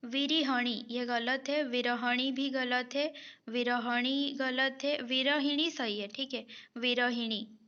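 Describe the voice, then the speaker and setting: A woman teacher takes students through an exam-prep spelling lesson with a high voice and an unhurried pace. She reads each answer option, repeats the correct word, and checks in before moving on. The recording sounds a little dull and lo-fi. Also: fairly even intonation, sharp tone, smooth. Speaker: Hindi grammar teacher.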